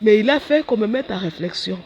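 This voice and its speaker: A woman preaches a sermon with a lively, swinging voice. She talks as a religious sister. Her voice jumps high when she acts out her talks with God. A faint background hiss sits under her voice. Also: a little fast, muffled recording.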